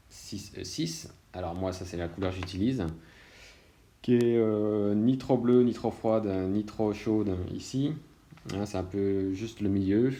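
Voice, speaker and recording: A man walks through a drawing-software tutorial, his voice low and dark. He talks in a relaxed, thinking-aloud way, pausing often to hesitate before carrying on. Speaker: illustrator teaching software. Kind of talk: screen-recorded tutorial.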